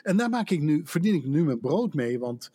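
A man's voice: fairly high pitch, sing-song, normal speed, dark tone, slightly rough. A Dutch man who works as a voice actor, chatting casually on a podcast and telling stories with self-deprecating humor. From Netherlands. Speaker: voice actor guest.

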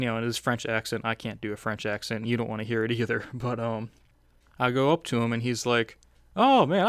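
A man's voice: medium pitch, fairly bright tone, smooth, no echo, studio quality. Man giving a casual race recap. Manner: conversational, with frequent "uh" fillers. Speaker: racing recap host.

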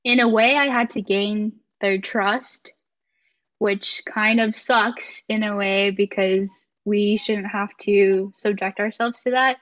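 A young American woman in her twenties guests on a casual podcast, speaking thoughtfully and hesitantly with many fillers. Her mid-range voice is steady, slow, and a bit bright, captured in slightly muffled lo-fi audio.

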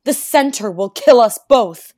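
A woman's voice: fairly high pitch, expressive, a little slow, dark tone. A woman playing a controlling female spy, speaking in a cutting, reproachful way. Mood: angry.

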